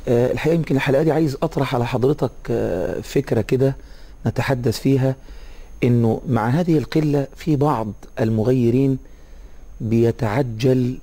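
A man's voice: mid-range voice, a little fast, mellow. A man with an Egyptian accent hosting a religious talk show, mixing formal Arabic with colloquial speech. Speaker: TV programme host.

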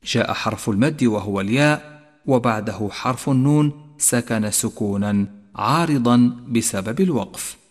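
A man teaching Quran recitation rules, explaining calmly and chanting the examples slowly. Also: medium pitch. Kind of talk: tajweed lesson with slow recited examples. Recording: long reverb.

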